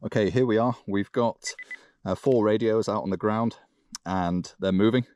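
A man's voice: fairly low pitch, normal speed, a little mellow, no echo. A man giving a live spoken tech demonstration outdoors on an action camera. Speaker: product demonstrator. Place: outdoors on a woodland bike trail. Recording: outdoor noise, clicks.

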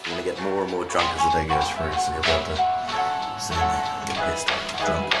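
A man's voice: rumbling low, little pitch movement, brisk, over loud music. A young man from England filming himself on a pub crawl, talking casually to a handheld camera, chatty and joking. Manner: chatty, laughs often, jokey. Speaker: vlogger. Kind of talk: casual vlog narration. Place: outdoors and in busy pubs. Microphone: handheld camera mic at arm's length.

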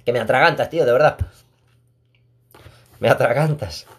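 A man's voice: medium pitch, moderate pace, a bit bright, husky. Chatty man streaming a game. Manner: chatty, laughs often, reads chat aloud. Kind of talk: casual live-stream chat. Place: room at home.

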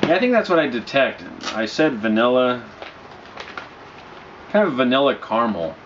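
A man's voice: medium pitch, big pitch swings, moderate pace. A man in his thirties giving a casual, laid-back review to camera in a hesitant way, recorded on a camera mic in a living room. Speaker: pipe tobacco reviewer. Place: small dim living room indoors. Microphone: camera mic at a short distance. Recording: dull, noisy home camera recording.

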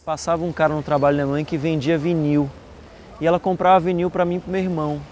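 A man from Salvador, a singer and composer, speaking in a relaxed, reflective way in a documentary voice-over. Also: fairly high pitch, fast talker, slight background noise. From Salvador, Brazil. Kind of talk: documentary voice-over and on-location talk. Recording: music bed underneath.

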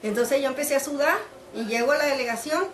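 Speaking fast in an echoey room, the mother of a detained woman, a middle-aged woman from Mexico, recounts what happened with great animation. Her voice sits slightly high, and she slips into the voices of those she quotes as she shares this emotional story.

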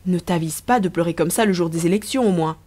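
Woman reading as a cheeky young empress, teasing and persuasive, warm soft tone. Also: on the low side, fast talker, natural voice. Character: playful, scheming young empress, affectionate to her husband.

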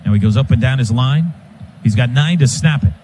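Here a medium-pitched American man delivers fairly quick radio play-by-play of a football game. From his booth in the stadium, he follows the action in clipped bursts while heavy crowd ambience rumbles underneath.

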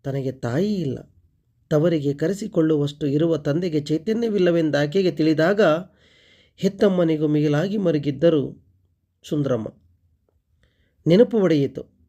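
Guy reading a story aloud for a class, steady and expressive, mellow voice. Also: fairly high pitch, a little slow, pauses often. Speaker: story reader and teacher. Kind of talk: storybook narration.

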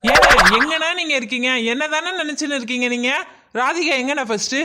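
A fussing young daughter-in-law, voiced by a woman, coaxes and frets in a cartoon. Her voice is very high, bright and sharp. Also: fast. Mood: reproachful. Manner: soothing, then fretful. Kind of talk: cartoon voice acting.

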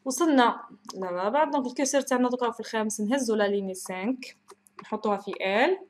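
A woman's voice: fairly high pitch, fast talker, a little hiss or hum. A woman lecturer with an Algerian Arabic accent, walking through a programming procedure, mixing in French terms and asking and answering her own questions.

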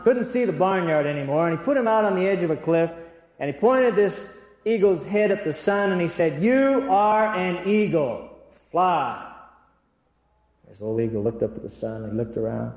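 A man delivers an earnest church talk full of storytelling, his voice a little on the high side. He speaks straight to the people in front of him. The recording rings with a long reverb from a large, echoing hall. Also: a little mellow. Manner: earnest, storytelling, addresses audience directly.

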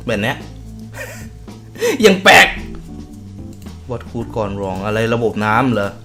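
Guy reacting to clips, laughs a lot, swears casually, talks slow but voice jumps all over, faint music behind. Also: lowish voice, wildly swooping pitch.

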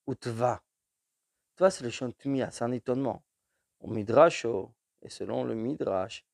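Gravelly man teaching a slow text study. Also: medium pitch, a little mellow, dry recording, studio quality. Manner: reads a Hebrew phrase then translates it, slow and deliberate, with repeated restarts. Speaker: Torah teacher. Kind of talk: verse-by-verse text study, translating Hebrew into French.

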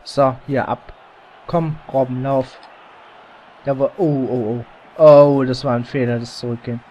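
A man casually commentating his own football video game as he plays, excitable and quick to swear and groan at mistakes, through a slightly overdriven mic. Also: mid-range voice, dull audio. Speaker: let's play gamer. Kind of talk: casual live gameplay commentary. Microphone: headset or desk mic, slightly overdriven.

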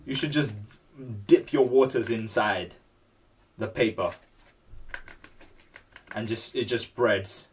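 A man's voice: medium pitch, takes it slowly, long pauses, recorded from a distance, a little hiss or hum. A man vlogging casually while he paints, rambling and talking to himself.

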